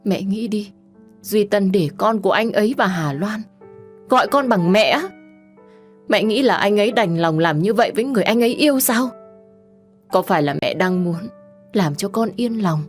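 A woman voicing a wronged young wife who pleads through tears, her voice climbing in shrill, tearful outbursts. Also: unhurried, long pauses, a little mellow, faint music behind, close to an everyday voice. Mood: sobbing. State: crying.

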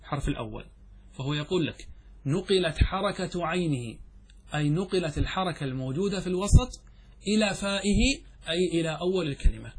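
Husky guy lecturing on grammar, voice sits kinda high, keeps asking the class stuff then answering himself. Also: animated. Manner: explains step by step, asking students questions and answering them himself; reads quotations from the text slowly and deliberately. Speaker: sheikh teaching Arabic grammar.

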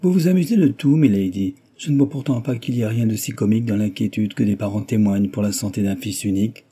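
A reserved young heiress, as a male reader voices her, polite and earnest with a gentle reproof. Her voice sits low, dark and a little husky, close to the reader's own. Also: fast.

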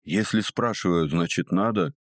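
A man voicing a brash, impatient male businessman prisoner who fires off blunt, quick-tempered questions. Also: deep voice, no room sound, clean studio sound, lightly acted. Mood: irritated.

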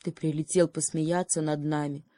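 A woman's voice: low voice, little pitch movement, normal speed, mellow, dry recording, close to an everyday voice. A woman voicing a timid, gloomy young male hare in a storybook, plaintive and hesitant.

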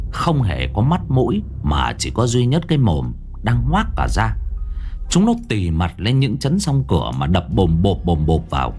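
A man narrating a ghost story in a slow, dramatic storyteller's delivery, drawing out sound words. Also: on the low side, dark tone. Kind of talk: scripted horror story narration.

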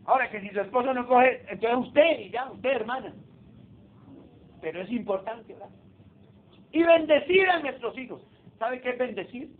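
High-voiced pastor on a tinny recording. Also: male voice, animated, moderate pace, long pauses. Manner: conversational preaching, rhetorical questions to the congregation. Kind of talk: sermon. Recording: tinny phone-like recording with faint noise.

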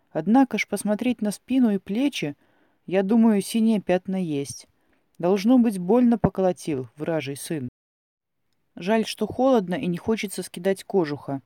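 A stubborn old Cossack villager grumbles and mutters to himself, played by a man. The voice sits high and pushes out loudly and indignantly, in a dry, close sound. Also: expressive, normal speed, no room sound.

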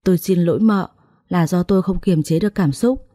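A woman's voice: lowish voice, a little fast, dark tone, no echo, clean studio sound, close to an everyday voice. A woman voicing a tearful, clingy young unmarried woman in a family drama story. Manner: tearful, pleading.

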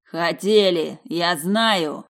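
A woman voicing a brutish, threatening heavy older man who drags his bellowed threats out slowly in a storybook reading. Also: lowish voice. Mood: furious. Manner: slow, drawn-out bellowing threats.

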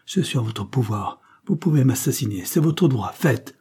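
A man reads a cornered, cowardly young nobleman from an old French novel, his dark, husky voice rising a little when the figure pleads or argues back. The lines are delivered as storybook dialogue, insistent and scheming. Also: medium pitch, animated, normal speed. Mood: cowering. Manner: pleading then defiant.

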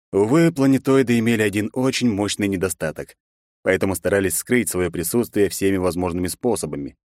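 Low-voiced guy reading an audiobook, steady and measured, dry close sound. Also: no echo. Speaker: audiobook narrator. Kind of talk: scripted narration.

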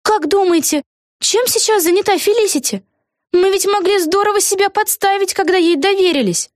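A woman voicing a bossy, excitable young witch girl in a storybook reading, indignant and emphatic. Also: very high voice, normal speed, no echo, clean studio sound, pitched above the performer's own voice.

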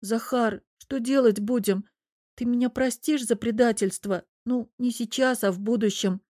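A young pregnant wife, quick to flare up and just as quick to soften. A woman reads her in an audiobook, keeping her own voice with a little lift. The sound is dry and close. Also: on the high side, no echo, voice pushed up, close to an everyday voice. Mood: anxious. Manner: lively and quick-tempered. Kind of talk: audiobook character voice.

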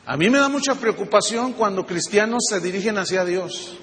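A man preaches a sermon in a high, bright, forceful voice. He peppers his listeners with rhetorical questions and delivers each point with energy. His voice rings out with a long reverb, as in a large church hall. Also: expressive, moderate pace. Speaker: pastor.

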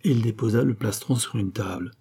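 A man narrating a classic novel in a measured, steady reading. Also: lowish voice, vocal fry, husky. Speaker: audiobook narrator. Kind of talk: literary audiobook narration.

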